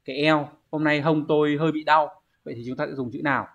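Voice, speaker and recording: A man's voice: a little high, fairly even intonation, quick pace, a bit bright. A man with a Vietnamese accent teaching a Japanese exam lesson, explaining each answer step by step and asking himself questions. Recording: dull lo-fi recording.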